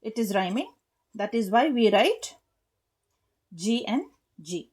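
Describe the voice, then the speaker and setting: A young woman giving an English lesson at an unhurried, careful pace. Her voice sits a little high. She explains patiently, repeating and clapping out points for her students. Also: expressive, darkish tone, slightly rough. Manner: slow, patient, spells out rhyme letters and claps rhythm. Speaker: English literature teacher.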